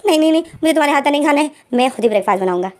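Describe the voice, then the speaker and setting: A woman's voice: high-pitched, darkish tone, natural voice. A woman voicing a flustered, easily embarrassed young male doctor who keeps protesting and denying things, in a spoken storybook retelling. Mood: insistent. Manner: protesting, quick to deny.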